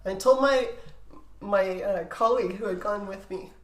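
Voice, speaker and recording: As a guest on a podcast, a middle-aged woman shares personal stories in an animated, casual way, playing out the dialogue herself. Her voice is loud and projecting, medium in pitch, at normal speed, and the room is echoey.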